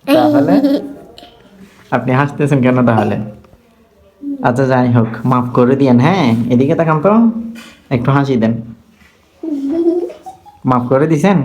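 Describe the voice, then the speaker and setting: Gently scolding man tutor. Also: medium pitch, dull audio. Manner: gently scolding, coaxing, asks many questions. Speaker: Quran tutor. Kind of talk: talking to a student on camera.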